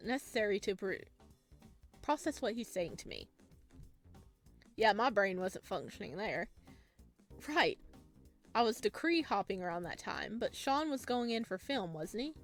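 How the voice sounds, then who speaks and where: Faint music plays as a woman does a casual let's play of a visual novel, reading the dialogue aloud and acting out the lines. Her mid-range voice is animated and moves at a normal speed with frequent pauses. She reacts in a chatty, informal way between the lines.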